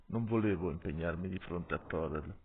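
A man voicing a stern, weary male wolf pack leader who speaks gravely and gives orders, in an audiobook with tinny sound. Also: low voice, normal speed, pitched below the performer's own voice. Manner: grave, commanding.

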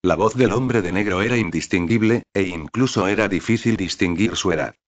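A man reading a novel recap as scripted narration, in an even, flat manner. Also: low voice, a little fast, no echo, lo-fi sound.

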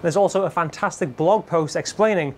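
Upbeat high-voiced Geordie man. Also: fairly quick. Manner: upbeat, chatty salesman patter. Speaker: music shop video presenter. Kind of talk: product demo talk to camera.

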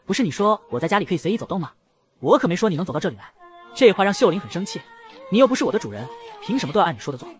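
A man narrating a comic recap at speed, reading every character's lines himself. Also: high-pitched. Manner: rapid, lively, voices both lovers in dialogue. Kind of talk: fast scripted story narration with acted dialogue.

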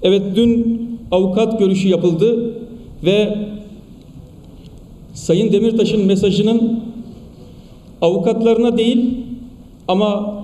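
A man delivers an emphatic political speech at a podium microphone, building his points through repeated phrases. His voice sits high but sounds mellow. The sound carries a long hall reverb, heard from some way off the mic. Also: steady tone, slow pace, pauses often. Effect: speaking at a podium microphone in a large hall. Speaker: politician addressing a party meeting. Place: large meeting hall in parliament. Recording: echoey hall, distant mic.

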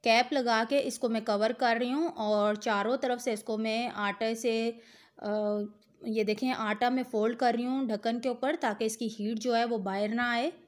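Cooking in a home kitchen, a middle-aged woman hosts a recipe walkthrough, talking straight to the listener one step at a time. She has a somewhat high voice, a patient, teaching manner, fairly even intonation, and a moderate pace.

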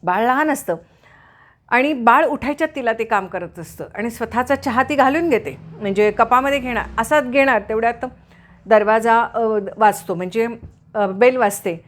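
Speaking at normal speed in a fairly high voice, a woman offers family advice through casual storytelling. As she retells a scene, she now and then briefly acts out the voices of the people involved.

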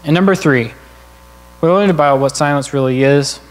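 A man's voice: fairly high pitch, normal speed. A man preaching a sermon in a church, speaking earnestly and conversationally while working through numbered points. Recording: long church hall reverb.

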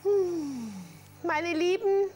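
A woman's voice: very high-pitched, animated, extremely slow, a little mellow, faint music behind. A woman hosting a live call-in advice show, talking in a theatrical, teasing and lecturing manner.

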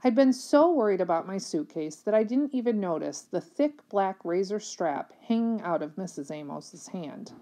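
A woman's voice: mid-range voice, expressive, moderate pace, hardly any pauses, mellow. Woman reading a novel aloud. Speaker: reader.

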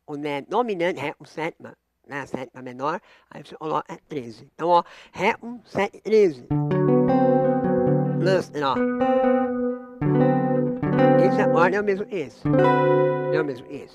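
A man with a Brazilian Portuguese accent giving a casual guitar lesson, thinking aloud, correcting himself and tagging on little questions. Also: high voice. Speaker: guitar teacher. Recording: guitar playing loudly behind the voice. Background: guitar chords.

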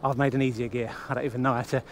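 A man in his thirties talks to a small action camera in a chatty, self-mocking voice of middling pitch, as if thinking out loud while he gets ready and then rides. A faint hiss of outdoor noise sits under his voice. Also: flat delivery, very fast. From England. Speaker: vlogger. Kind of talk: casual self-filmed vlog commentary. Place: garage, then outdoors cycling on roads. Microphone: action camera mounted on bike and chest.

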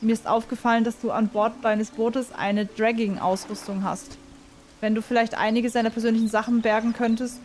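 A woman's voice: a little high, darkish tone, slight background noise, close to an everyday voice. Woman reading as a grieving old father. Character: grieving old fisherman father, quiet and sorrowful. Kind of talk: reading game dialogue aloud.

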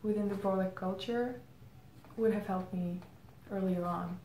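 A thoughtful Czech marketing head, interviewed as a guest, gives reflective answers, pausing often with "um." She speaks at a medium pitch in a steady, mellow tone. The recording, made indoors against a plain grey backdrop, has a roomy echo and faint ambient noise.

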